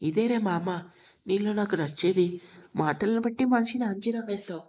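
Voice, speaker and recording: A woman's voice: medium pitch, normal speed, a little mellow, a little hiss or hum, lightly acted. A woman voicing a scheming male rival who taunts a father over the phone. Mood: taunting. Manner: taunting, smug.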